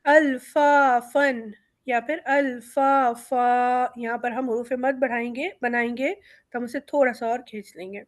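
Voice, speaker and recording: A woman teaching a Quran recitation lesson, explaining rules briskly and reciting each example word slowly. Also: fairly high pitch, fairly even intonation.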